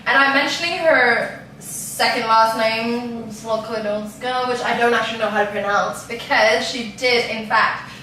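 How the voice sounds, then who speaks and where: A young Danish woman with a Danish accent hosts a vlog, chatting casually, giggling and mocking herself. Her voice is a little high, steady, pushed and bright, slightly slow with hardly any pauses. The recording is echoey with a distant mic and a bit of hiss or hum.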